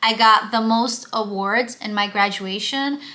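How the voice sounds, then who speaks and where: A woman's voice: mid-range voice, unhurried, sharp tone. A young woman talking candidly to camera in a casual confessional vlog, emotional and open, with lots of "um" and "like". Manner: candid and emotional, with frequent fillers like "um" and "like". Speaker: vlogger.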